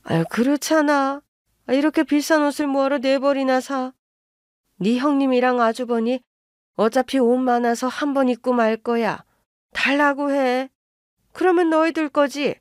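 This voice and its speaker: A woman's voice: sits high, steady tone, normal speed, no room sound, clean studio sound, voice pushed up, natural voice. A woman voicing an older mother-in-law who plays favorites and brushes off complaints, in a storybook radio drama. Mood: dismissive. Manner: brushing off, self-justifying. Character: older mother-in-law, dismissive and favoring her elder son.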